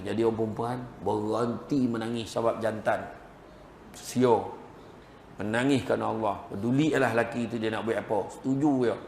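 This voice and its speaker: A man with a Malaysian accent giving a lively, jokey sermon as a preacher. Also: mid-range voice. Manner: lively, jokey preaching with a rising, animated delivery. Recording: echoey hall with faint noise.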